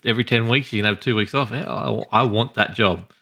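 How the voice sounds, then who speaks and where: A man's voice: fairly low pitch, brisk, sharp tone. A tired man hosting a casual podcast and stumbling over his words. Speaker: podcast host.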